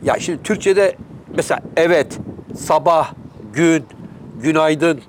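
A man's voice: on the high side, unhurried, slight background noise. A middle-aged man co-hosting a casual chat, joking and playful. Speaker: co-host.

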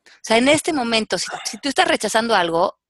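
A woman, a life coach giving slow, calm, instructive advice on a talk panel. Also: on the high side, no echo, studio quality.

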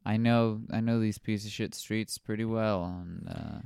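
A young man, a comedian, chatting casually on a podcast in a quiet, monotone voice, just woken up. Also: on the low side, unhurried, gravelly, clean tone, no echo, studio quality. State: sleepy. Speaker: comedian guest.

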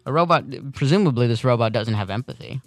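A man's voice: medium pitch, lively intonation, fast, no echo, faint music behind. A man hosting a casual morning radio interview in a studio, questioning his guest and pushing back on the answers, his voice rising when he is worried. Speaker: radio show host.

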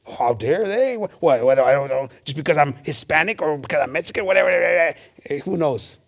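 A male pastor preaching a sermon, reading scripture slowly and switching between English and Spanish. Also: on the high side, lively intonation, creaky. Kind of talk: bilingual sermon.

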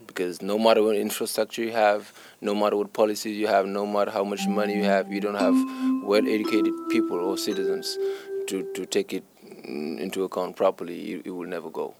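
A man with a Senegalese accent speaks in a deep register with a creaky, gravelly edge. He answers interview questions earnestly, repeating phrases for emphasis like a committed teacher. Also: little pitch movement, brisk, over music. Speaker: English teacher being interviewed.

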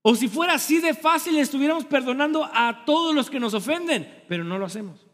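A man preaching a sermon as pastor to his congregation, animated, asking them questions and joking about himself. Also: very high voice, brisk, in a large hall. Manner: self-deprecating humor. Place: church sanctuary.

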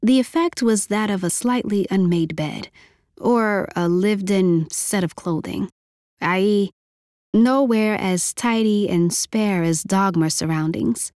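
A woman reading a novel aloud as narrator, in steady, measured storytelling. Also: medium pitch, no room sound, studio quality. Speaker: audiobook narrator. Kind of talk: scripted narration.

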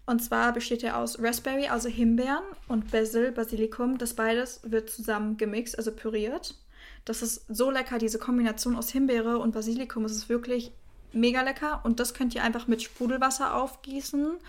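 A woman's voice: a little high, flat delivery, brisk. Enthusiastic young woman gushing about food. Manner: enthusiastic, gushes about food, mixes English words into her talk. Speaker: podcast co-host. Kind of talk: casual podcast chat.

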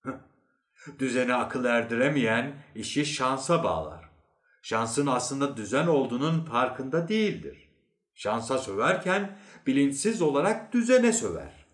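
A male narrator telling a short story with a wry, expressive delivery and a lively, swinging pitch. The reading sounds echoey, as if in a bare room. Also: unhurried.

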